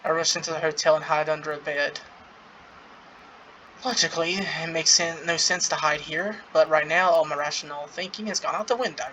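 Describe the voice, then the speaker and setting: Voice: medium pitch, fairly even intonation, fairly quick, sharp tone, slight background noise, rough recording. A gaming creator reading story dialogue aloud in a casual, giggly way while commenting on it. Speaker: gaming content creator playing through a story event.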